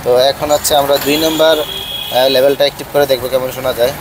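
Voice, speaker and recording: A man's voice: mid-range voice, racing. Man on clip mic with noise-reduction artifacts. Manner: steady explaining tone with many fillers. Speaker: gadget reviewer. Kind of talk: casual product review vlog. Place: parked car on a busy street, window open. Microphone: clip-on wireless lavalier. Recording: street traffic noise behind.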